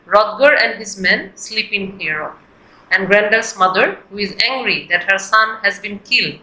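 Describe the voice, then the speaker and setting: Bright-voiced woman teaching in an echoey room. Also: medium pitch. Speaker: literature teacher. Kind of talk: scripted lesson narration, explanatory. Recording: echoey, roomy sound.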